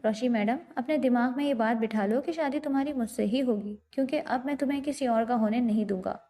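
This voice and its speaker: Narrator doing a stern young man, quiet authority, warm mellow delivery. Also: fairly high pitch, in a large hall, close to an everyday voice. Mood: threatening. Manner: calm but commanding.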